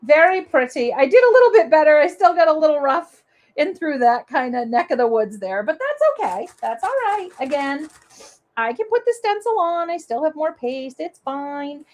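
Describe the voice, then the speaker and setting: A woman's voice: sits high, big pitch swings, normal speed. A woman from Maine with a Maine accent, hosting a live papercraft demo and chatting to viewers as she works. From Maine, USA. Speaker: papercraft show host. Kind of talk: live crafting demo chat.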